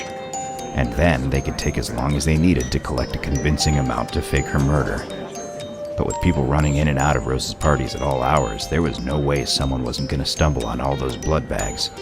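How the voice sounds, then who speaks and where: Over a music bed, a voice actor in an audio drama plays a gruff, sardonic detective laying out a case. His very deep, gravelly voice moves a little fast, dry and explanatory in tone.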